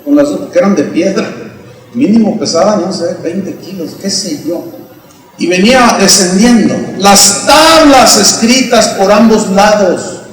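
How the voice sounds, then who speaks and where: A Mexican pastor with a high voice preaches a vivid, dramatic sermon, acting out scenes and bursting into sudden shouts. His voice rings through a large, echoing church hall, with a long reverb tail. It sounds picked up from well back from the microphone. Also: unhurried. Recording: echoey hall recorded from a distance.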